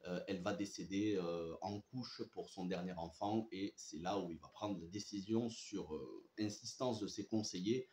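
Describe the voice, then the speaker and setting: A young man with a French accent talks through his review with eager, gushing energy, restarting sentences and filling pauses as he goes. His voice sits on the low side. The sound is echoey, as if he is in a bare room. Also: a little mellow, a little hiss or hum. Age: young adult. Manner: enthusiastic, chatty, many fillers and restarts. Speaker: series reviewer. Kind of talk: casual spoken review.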